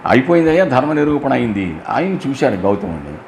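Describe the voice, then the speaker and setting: A man's voice: mid-range voice, big pitch swings, creaky, a little mellow, slight background noise. Man giving a scripture discourse. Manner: explains verses line by line to listeners; chants verses in slow drawn-out melody. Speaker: religious storyteller.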